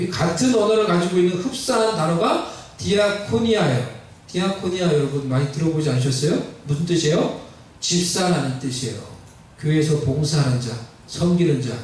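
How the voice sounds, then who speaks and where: Lively high-voiced male pastor in an echoey hall. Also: recorded from a distance. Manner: animated, conversational preaching, rhetorical questions to the congregation. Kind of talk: sermon. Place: church sanctuary.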